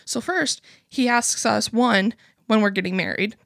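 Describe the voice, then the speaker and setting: A young adult woman hosts a podcast, telling a story in a rambling, casual chat full of swearing and frequent laughter. Her voice is fairly high, creaky and fairly bright, at a measured pace. The recording is dry, with clean studio sound.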